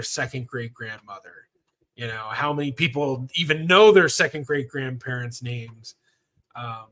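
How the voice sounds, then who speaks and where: A man's voice: medium pitch, fairly bright tone. A man in his thirties, a professional genealogist hosting a casual livestream Q&A, talking in a chatty, rambling way with lots of fillers. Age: 30s.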